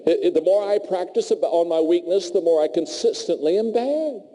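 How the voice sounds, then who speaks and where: A man's voice: high voice, brisk, mellow. A man giving a humorous motivational talk to a live audience, telling golf stories and laughing at his own jokes. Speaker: motivational speaker. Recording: long hall reverb.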